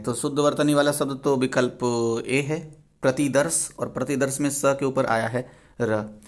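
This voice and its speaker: Young male language teacher, mid-pitched and conversational, drilling spelling corrections. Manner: explanatory, repeats words to correct spelling. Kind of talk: exam revision lesson.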